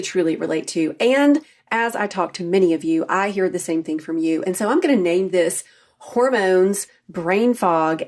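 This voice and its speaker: A woman's voice: lowish voice, a little mellow. A middle-aged woman hosting a solo podcast as a health coach, talking in an earnest, personal, confiding way. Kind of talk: solo faith-based podcast talk.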